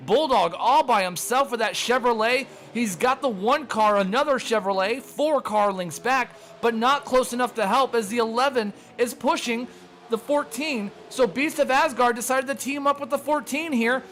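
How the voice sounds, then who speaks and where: High-voiced excited race play-by-play man. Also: a little hiss or hum. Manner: fast excited play-by-play, breathless energy. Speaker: race commentator. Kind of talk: play-by-play sim racing commentary.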